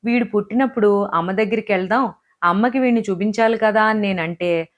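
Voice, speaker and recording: A woman's voice: mid-range voice, fairly quick, natural voice. A woman voicing a bitter, frustrated young husband. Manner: heated, reproachful. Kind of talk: audiobook character voice.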